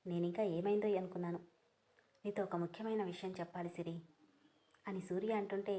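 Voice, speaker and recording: A woman's voice: medium pitch, dark tone. Woman narrating an emotional family story. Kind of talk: storybook narration with voiced dialogue.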